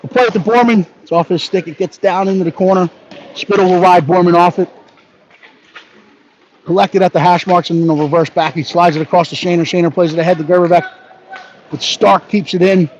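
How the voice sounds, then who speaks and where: Guy doing brisk hockey play-by-play, rooting for the home side, faint hiss behind. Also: high voice, steady tone, darkish tone. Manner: brisk running narration of each pass, partisan toward the home team. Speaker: play-by-play announcer. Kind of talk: live hockey play-by-play commentary. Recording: dull lo-fi audio with faint background noise.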